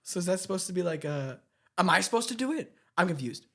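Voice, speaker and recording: A young man guesting on a podcast, relaxed and slangy, laughing through a goofy guessing game. His voice moves a lot in pitch, lively and animated. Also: fast talker. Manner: easygoing, slangy, laughs often. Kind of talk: casual chat, improv sound game.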